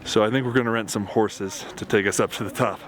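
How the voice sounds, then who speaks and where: A man's voice: on the low side, fairly even intonation, quick pace. A man casually narrating his travel vlog as he goes. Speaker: travel vlogger.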